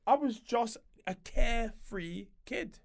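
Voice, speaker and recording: A man's voice: extremely high pitch, lively intonation, slow, creaky. A man with a London roadman accent, a guest chatting and bantering casually in street slang. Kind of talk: casual chat show banter.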